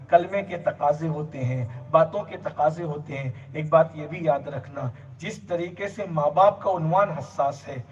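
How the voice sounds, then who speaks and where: Preaching a religious sermon, a man with a fairly high, slightly mellow voice hammers home his points through long, repeated lists. He's far from the mic, and the audio comes across dull and lo-fi.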